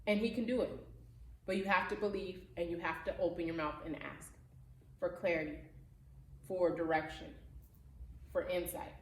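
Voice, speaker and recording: A woman's voice: fairly low pitch, fairly even intonation, moderate pace, pauses often, a little hiss or hum. Woman preaching conversationally in an echoey room. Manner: earnest, plain-spoken, encouraging, speaking to listeners directly. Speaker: youth pastor preaching. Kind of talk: conversational youth sermon.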